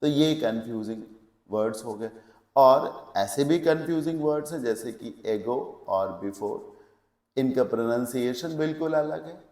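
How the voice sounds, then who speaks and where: A man's voice: mid-range voice, unhurried, a little mellow, echoey room. A male English teacher giving a lecture, explaining step by step and checking with questions, mixing English words into his Hindi. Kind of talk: classroom lecture.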